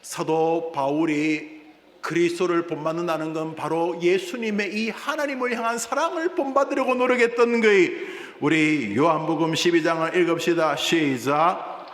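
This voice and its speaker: A man who is a senior pastor, preaching a sermon in an animated way, swinging from loud to hushed. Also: fairly high pitch, normal speed. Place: church sanctuary. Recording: echoey church hall with room noise.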